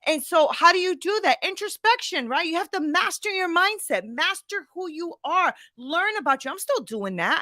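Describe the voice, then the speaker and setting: Heard in a dry recording, this high-pitched, sharp-toned woman in her forties hosts a motivational podcast as a coach. Her monologue is conversational yet blunt and emphatic, peppered with slang and rhetorical check-ins.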